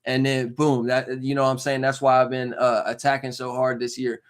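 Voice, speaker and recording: A man's voice: medium pitch, completely flat delivery, normal speed, noisy background. A man in his twenties chatting casually on a live stream, rambling with lots of slang, fillers and "you know what I'm saying.". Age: 20s.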